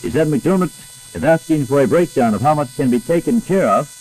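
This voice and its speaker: A man's voice: a little high, expressive, a little mellow, poor audio. 1960s radio newsman, old broadcast recording. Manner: measured, grave, deliberate reading. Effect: old 1960s radio broadcast recording with electrical hum. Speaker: radio news announcer. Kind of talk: reading wire news bulletins on air. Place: radio studio.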